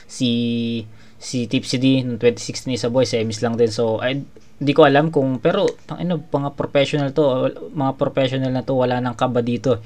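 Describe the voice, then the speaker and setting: A man's voice: mid-range voice, steady tone, normal speed, a little mellow. Casual male battle reviewer. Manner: casual, swearing, many restarts. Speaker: battle judge reviewing a match.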